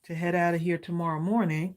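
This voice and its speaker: A woman with a fairly low voice hosts a live craft demonstration. She talks chattily and encouragingly while working with her stamps. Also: flat delivery, quick pace. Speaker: craft livestream host. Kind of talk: live crafting demo chat.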